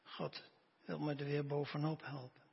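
A man preaching a sermon, reading scripture slowly and earnestly. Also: on the high side, level tone, vocal fry, husky. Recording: dull recording with long hall reverb.

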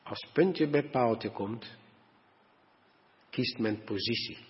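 A man preaching a sermon and reading scripture, earnest and slowing down to stress key words. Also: mid-range voice. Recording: dull sound with long hall reverb.

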